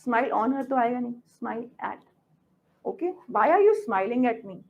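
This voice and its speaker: A woman's voice: on the high side, lively intonation, drawn-out words. A woman teaching English grammar, mixing Hindi and English and checking in with "okay?" after each example. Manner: explains by example sentences, often asks "okay?".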